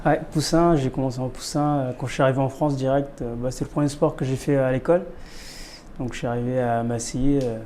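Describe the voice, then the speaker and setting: A man's voice: medium pitch, steady tone, quick pace, warm tone, slight background noise. A young man in his twenties, a rugby player, talking casually as a radio guest and using lots of filler words. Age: 20s. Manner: casual, filler-heavy speech.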